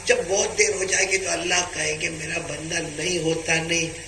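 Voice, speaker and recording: Male preacher, high pitch, fervent call-and-response sermon, echoey hall sound. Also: flat delivery. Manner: call-and-response, urging the crowd to answer; swings between hushed and shouted delivery. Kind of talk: fervent sermon to a large gathering. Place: large outdoor religious gathering. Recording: echoey, noisy crowd gathering.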